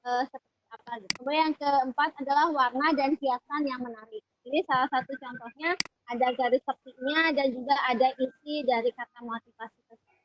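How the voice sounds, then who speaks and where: Woman trainer, halting delivery, on a choppy video call connection that drops out; muffled lo-fi audio. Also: high voice, fairly even intonation. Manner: halting, with frequent hesitation sounds. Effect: choppy video call audio cutting in and out. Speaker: presenter at an online teacher training. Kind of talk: presentation over a video call. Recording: dull lo-fi video call sound.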